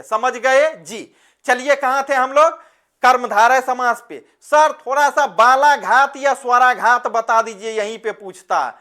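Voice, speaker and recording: A man teaching an online class, speaking slowly. He keeps putting questions to his students and then answers them himself, calling them "beta" as he goes. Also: very high voice, fairly bright tone.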